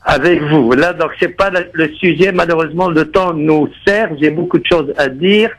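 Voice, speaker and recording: Rambling male radio caller, high voice. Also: moderate pace, fairly bright tone, low-quality recording. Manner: rambling, digressive, earnest. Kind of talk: phoned-in political commentary.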